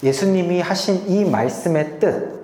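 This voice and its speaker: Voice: mid-range voice, a little slow, warm tone, slight background noise. A pastor giving a Sunday sermon in a church sanctuary, telling it like a story and leading the congregation in reading together. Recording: echoey hall with long reverb.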